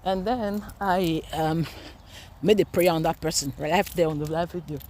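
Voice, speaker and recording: A woman's voice: low voice, fairly even intonation, moderate pace, darkish tone, slight background noise. A woman with a Nigerian accent, a mother talking earnestly to her viewers in a casual, preachy vlog, stressing her points by repeating them, recorded outdoors while walking in a park. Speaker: mother and vlogger. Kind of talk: casual preachy talk to camera.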